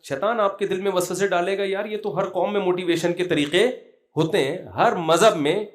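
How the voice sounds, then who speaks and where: A middle-aged Islamic preacher gives a religious talk, telling funny stories in a conversational way. His voice sits high and his tone stays steady.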